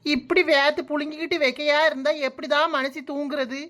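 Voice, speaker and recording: A woman's voice: sits high, steady tone, a little fast, fairly bright tone. A woman voicing a cheeky, lazy young daughter-in-law in a comic cartoon, sarcastic and prone to talking to herself, with a Kanyakumari Tamil accent. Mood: grumbling.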